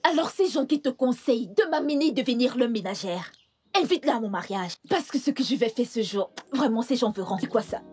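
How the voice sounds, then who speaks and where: A headstrong young village woman in a French film dub, speaks in a defiant, insistent way. Her voice is high and very animated, with faint music beneath it. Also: a little fast, husky. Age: young adult. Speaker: dubbing actor.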